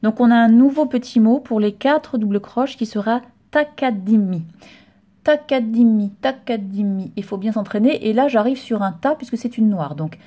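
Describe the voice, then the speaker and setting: A woman's voice: on the high side, dark tone. A woman music teacher giving a patient solfège lesson, explaining step by step and chanting note names and rhythm syllables.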